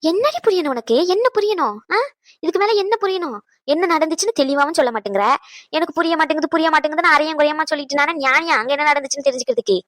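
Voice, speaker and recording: A woman's voice: high voice, animated, rapid-fire, a bit bright, no echo, clean studio sound. A woman voicing a caring but outspoken old grandmother in a cartoon, scolding and lecturing protectively. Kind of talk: cartoon voice acting.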